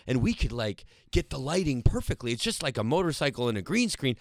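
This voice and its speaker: Quick-paced and mid-range, this actor and director tells stories about making a film. The interview is casual, his telling rambling and animated, broken up by frequent laughter.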